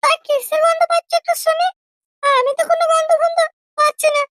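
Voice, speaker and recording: A voice actor playing a prim, touchy young girlfriend in a comedy cartoon, with a very high, squeaky voice and an indignant way of talking. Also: flat delivery, pushed and bright, no echo, studio quality. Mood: chatty. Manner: indignant, quick to take offense.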